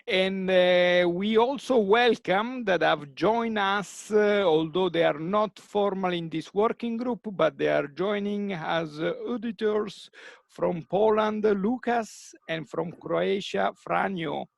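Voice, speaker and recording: A man's voice: sits high, takes it slowly, vocal fry, no echo. Male moderator on a video call, filler-heavy, dry sound. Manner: repetitive, many fillers and restarts. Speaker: workshop moderator. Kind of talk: online meeting facilitation.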